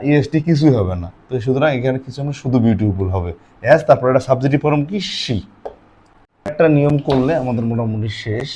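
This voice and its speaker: Male grammar teacher, talks it through question by question, mid-pitched. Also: warm tone, a little hiss or hum. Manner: asks questions and answers them himself. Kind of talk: classroom lesson with asides and a told anecdote.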